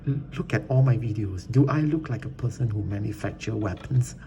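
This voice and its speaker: A man's voice: on the low side, animated, a little fast, dark tone, a little hiss or hum, poor audio. A man giving an indignant, emphatic rant as he reads online posts and reviews aloud, often repeating words as he gets worked up. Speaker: vlogger. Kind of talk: ranting commentary reading online posts aloud.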